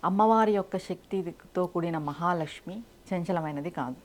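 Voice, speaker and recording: A woman's voice: lowish voice, normal speed, a little mellow. A woman giving devotional advice in a direct, instructive way, often asking rhetorical questions. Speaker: spiritual speaker.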